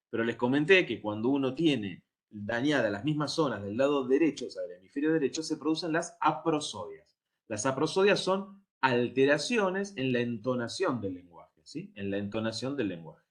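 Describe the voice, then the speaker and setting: A man giving a university lecture, explaining step by step and often checking that his students follow. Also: mid-range voice. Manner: explanatory, checks understanding with frequent "¿sí?".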